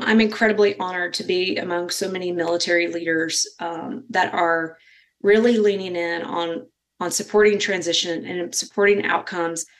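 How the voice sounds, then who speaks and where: A woman giving interview answers as a podcast guest, polite and measured, sometimes halting and repeating words. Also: lowish voice. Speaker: podcast guest from a nonprofit organization.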